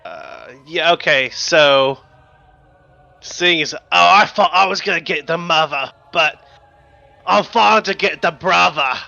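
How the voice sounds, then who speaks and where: A man's voice: a little high, takes it slowly, creaky, pushed and bright, dry recording. A man playing a tabletop game, casually talking through his moves. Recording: dull lo-fi audio, faint music.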